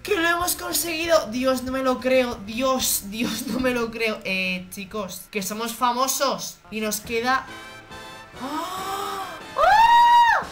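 A woman with a Spain Spanish accent giving excitable let's-play commentary, full of squealing exclamations. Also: sits high, slow. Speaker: gaming YouTuber. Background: game music.

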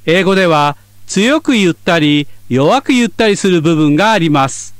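A man teaching English on a radio lesson, explaining clearly in scripted narration. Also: high-pitched, expressive, moderate pace, no echo. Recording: dry studio sound.

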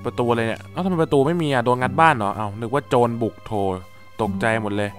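A man voices his cartoon's main character in a chatty, joking way, often talking to himself. His pitch sits in the middle range, and music plays clearly behind him. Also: lively intonation, fast talker. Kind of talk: comic dubbed cartoon narration. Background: background music.

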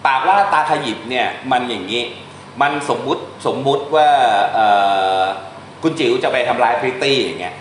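A man's voice: mid-range voice, animated, a bit bright, a little hiss or hum. Chatty male teacher in echoey room. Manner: chatty, explains step by step, reads English lines slowly. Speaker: translation teacher. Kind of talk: informal classroom lesson.

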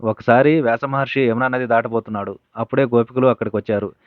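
A man reads devotional teachings and tales aloud at an even, steady pace, pausing now and then to correct himself. The audio is thin and narrow like a phone line, with a close, dry sound and no room echo. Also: medium pitch. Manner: steady reading with occasional self-corrections. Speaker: reader of spiritual teachings. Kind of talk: reading a devotional book aloud.

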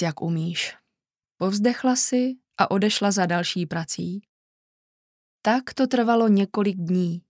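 A woman narrating a children's storybook in a calm, measured way. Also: mid-range voice, no room sound, clean studio sound. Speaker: audiobook narrator.

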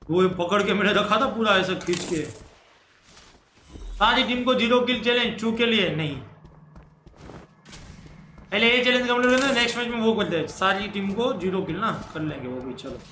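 A man streams a mobile shooter and chats casually with his teammates. He jokes around and barks quick, bossy calls, and his voice sits very high. The sound is roomy, with steady noise behind him. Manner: joking, bossy squad calls, excited bursts. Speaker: gaming streamer. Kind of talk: casual live gameplay chat.

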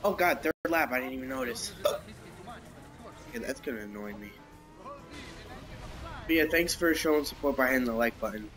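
A man's voice: mid-range voice, animated, normal speed, long pauses, a bit bright, soft background music. Young man rambling over racing gameplay. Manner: rambling, reacts aloud to the race. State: has the hiccups. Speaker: gameplay commentator. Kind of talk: casual let's-play commentary.

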